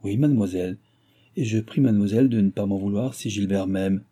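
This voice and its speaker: A man's voice: lowish voice, fairly quick, warm tone, close to an everyday voice. A man voicing a jealous, pert young chambermaid who answers back insolently in an audiobook reading. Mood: needling. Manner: insolent, needling. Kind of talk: audiobook character voice.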